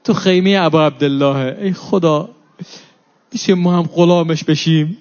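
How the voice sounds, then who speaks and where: A man's voice: on the high side, steady tone, a little mellow, faint music behind. A man preaching a mourning sermon, reciting Arabic lines and then explaining each one in Persian. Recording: dull lo-fi recording.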